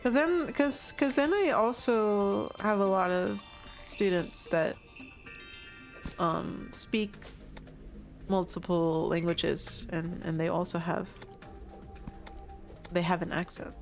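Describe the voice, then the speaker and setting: A young American woman streams a game and chats casually with her viewers, laughing often and swearing now and then. Her voice is on the low side, and she takes it slowly with frequent pauses. Faint music plays behind her.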